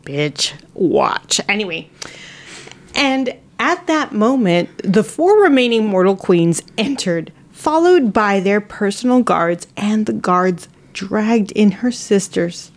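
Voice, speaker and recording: A woman co-hosting a book podcast, reading a chapter summary slowly and breaking off into playful asides. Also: mid-range voice, lively intonation. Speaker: podcast co-host.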